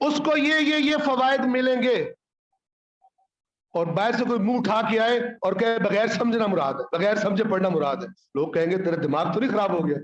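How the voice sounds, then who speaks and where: A man's voice: sits high, moderate pace, roomy sound, low-quality recording. A man preaching a sermon on the Quran, scolding his listeners with rhetorical questions and quoting Arabic verses. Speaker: Islamic scholar preaching.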